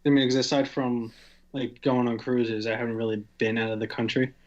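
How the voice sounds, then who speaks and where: A man's voice: mid-range voice, level tone, brisk, a little mellow. A man co-hosting a podcast, chatting casually and agreeably with short remarks and light laughs. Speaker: podcast co-host. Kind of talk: casual chat. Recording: slightly dull lo-fi audio.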